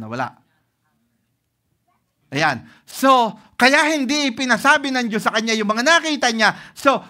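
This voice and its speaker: Bright-voiced Filipino pastor preaching. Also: male voice, sits high. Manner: lively storytelling with frequent "ano?" and "no?" checks to the congregation. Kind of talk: sermon.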